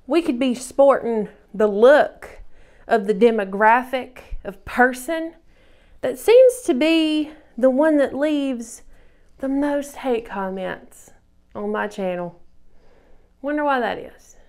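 A woman's voice: sits high, expressive, slow pace, a little mellow. A woman vlogger reading and answering hate comments in a casual rant, sarcastic, swearing freely and laughing often. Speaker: childfree YouTuber.

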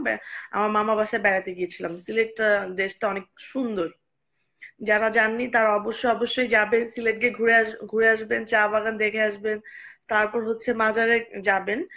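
A woman's voice: fairly high pitch, sharp tone, lo-fi sound. A young woman, hosting a casual live stream and answering viewer comments with lots of hesitations. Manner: chatty, reads out names and answers comments with frequent hesitations.

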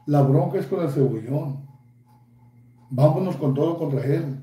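A Mexican man in his fifties rants and taunts, swearing at every turn. His voice runs high yet mellow. The room around him rings with echo. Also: a little slow. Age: 50s. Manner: angry, profane, taunting. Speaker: YouTuber. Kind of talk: ranting vlog.

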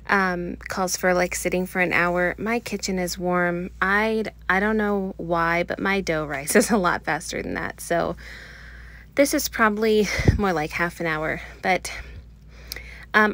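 A woman's voice: mid-range voice, a bit bright. Chatty woman baking in her home kitchen. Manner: chatty, rambling, with fillers and little laughs. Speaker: home cooking vlogger. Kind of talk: casual chatty baking tutorial.

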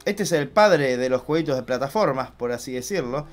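A young man with an Argentine accent hosting a casual let's-play, chatty and excitable, swearing loudly when he fails. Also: mid-range voice, brisk, faint music behind. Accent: Argentine Spanish. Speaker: gaming channel host.

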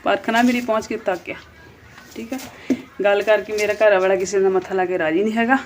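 A woman's voice: medium pitch, steady tone, brisk, slight background noise. A woman in her thirties from Punjab with a Punjabi accent, talking casually to her vlog viewers in a plain-spoken, scolding way. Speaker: vlogger.

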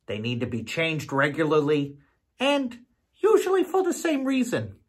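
A middle-aged man, an actor, telling a joke to camera from his home studio in an animated, theatrical way. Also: a little high, moderate pace, slightly rough.

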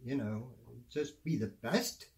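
An older man, a veteran of the music industry, giving animated, folksy motivational advice in an interview. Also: mid-range voice, slow.

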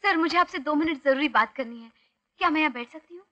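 A woman's voice: high-pitched, fast talker, dull audio. Teasing young woman in film comedy. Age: young adult. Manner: teasing, playful. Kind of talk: Hindi film comedy acting.

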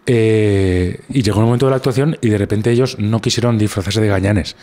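A man's voice: fairly low pitch, fairly quick, mellow. A man with a Spanish accent, a guest comedian telling rambling anecdotes in casual conversation, with many restarts.

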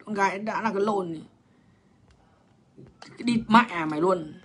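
A man's voice: high-pitched, normal speed, a bit bright, a little hiss or hum. A man, ranting bluntly and crudely to viewers on a livestream. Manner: crude, profane, blunt, lecturing.

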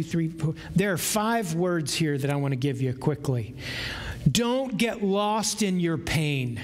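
A middle-aged male pastor delivers a sermon in a slow, deliberate cadence, his fairly high voice leaning hard on each key word. The sound carries a long church reverb with faint room noise underneath. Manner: slow, emphatic preaching with drawn-out pauses. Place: large church sanctuary with stage.

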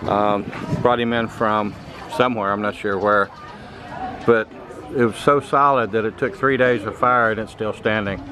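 A man's voice: lowish voice, fairly even intonation, moderate pace, a crowd in the background. An older American man chatting casually as he walks a tropical garden with a handheld camera, pointing things out. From United States. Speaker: travel vlogger. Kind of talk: casual travel commentary. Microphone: camera mic, handheld. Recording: outdoor noise on camera mic.

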